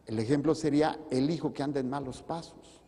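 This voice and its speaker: Priest preaching in an echoing hall. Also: male voice, medium pitch, a little fast, mellow, slightly rough. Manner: conversational, jokey preaching with acted asides. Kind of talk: sermon.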